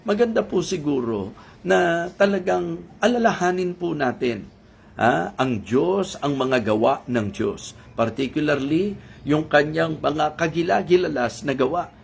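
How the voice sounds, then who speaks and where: A man's voice: on the high side, expressive, vocal fry, slight background noise. A man preaching a sermon with a Filipino accent, speaking earnestly and mixing Tagalog with English. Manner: reads scripture slowly and emphatically. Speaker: bishop preacher.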